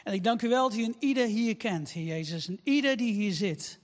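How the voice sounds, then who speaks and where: A man's voice: high-pitched, fairly quick. A man preaching in church, leading a fervent spoken prayer and altar call with emphatic, repetitive phrasing. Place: church service.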